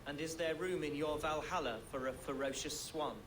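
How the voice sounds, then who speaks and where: A man's voice: fairly high pitch, fairly even intonation, moderate pace, background noise, lightly acted. A man playing an earnest young Saxon nobleman in a video game, declaiming righteously in formal old-fashioned phrases. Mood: hopeful. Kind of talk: video game dramatic acting. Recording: echoey, loud outdoor game ambience.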